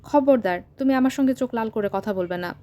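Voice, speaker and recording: A woman voicing a bitter, irritable mother who speaks in a sharp, annoyed tone in an audio story. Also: a little high, a little fast, close to an everyday voice. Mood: irritated.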